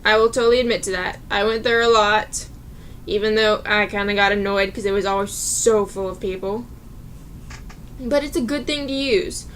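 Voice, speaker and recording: A woman's voice: medium pitch, moderate pace, fairly bright tone, slight background noise. A young adult woman ranting casually to her viewers, chatty and reassuring, with sudden outbursts. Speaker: vlogger. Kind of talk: casual advice rant to camera.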